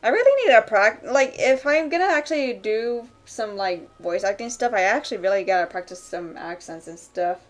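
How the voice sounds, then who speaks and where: A woman streamer chatting casually while she draws, rambling with many fillers and quick laughs. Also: medium pitch, expressive. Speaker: streamer drawing live. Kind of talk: casual chat while drawing. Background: faint background music.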